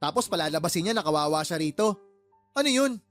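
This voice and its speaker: Faint music plays as a man with a fairly high, animated voice performs a Tagalog radio drama role: an exasperated uncle and boss who's fed up and angry. At a quick pace and with light acting, he hurls heated, sarcastic questions at his sister.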